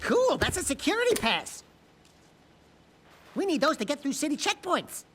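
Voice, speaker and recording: A man's voice: very high-pitched, wildly swooping pitch, moderate pace, a bit bright, slight background noise, heavily acted. An actor voicing a small, cocky, wisecracking male rodent sidekick in a cartoonish video game, brash and jokey. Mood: sarcastic.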